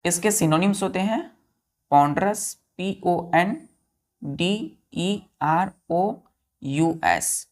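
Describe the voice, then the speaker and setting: A woman's voice: fairly low pitch, extremely slow, a little mellow. A woman teacher giving a vocabulary lesson, spelling words letter by letter and asking her students questions that she answers herself. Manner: addresses students as children, asks and answers own questions.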